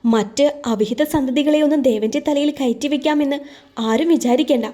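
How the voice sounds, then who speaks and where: A woman voicing a passionate young husband in an audio story, making insistent, forceful declarations. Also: fairly high pitch, moderate pace, close to an everyday voice. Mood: insistent, defiant.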